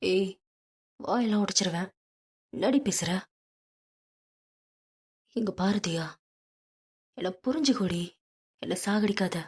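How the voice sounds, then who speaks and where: A woman's voice: medium pitch, slow, pauses often, a little mellow, husky. A woman voicing a possessive, hot-tempered rich young man in an audiobook, speaking bluntly and insistently. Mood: heated, insistent. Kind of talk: audiobook character reading.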